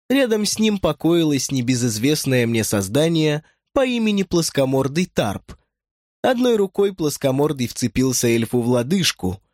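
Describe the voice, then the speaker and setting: A man narrating a first-person fantasy audiobook in an expressive way, with lively shifts in pitch. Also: no room sound, clean studio sound.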